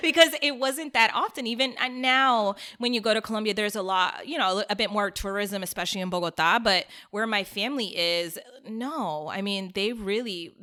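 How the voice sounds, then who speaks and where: Casual storyteller: a bright-toned American woman, animated, laughing, acting out quotes. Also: mid-range voice, normal speed, hardly any pauses. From United States. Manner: animated, laughs often, acts out voices.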